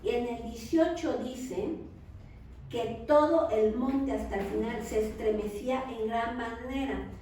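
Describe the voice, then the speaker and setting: A woman with a Mexican accent teaching a Bible lesson in church, talking conversationally and often checking with her listeners through quick questions. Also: fairly high pitch, mellow. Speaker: preacher. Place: large echoey church hall. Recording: very echoey hall, speaker far from the mic, faint noise.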